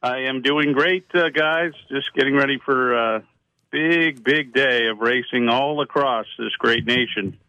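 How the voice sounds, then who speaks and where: A man's voice: medium pitch, measured pace, sharp tone, no echo, rough recording. A man who is a regular on a horse racing talk show, upbeat and easygoing. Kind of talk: casual radio talk show chat.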